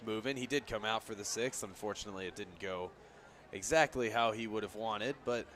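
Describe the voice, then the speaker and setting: On a baseball radio broadcast, a man provides analytical color commentary, explaining plays in a conversational way. His voice is on the low side and a bit bright, and he speaks fairly quickly. Outdoor background noise is clearly audible.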